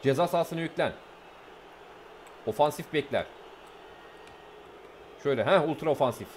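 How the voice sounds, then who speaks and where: A young man giving live, excitable commentary on his own gameplay, jumping from calm play-by-play to angry outbursts. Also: on the high side, moderate pace, slight background noise. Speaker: gameplay streamer.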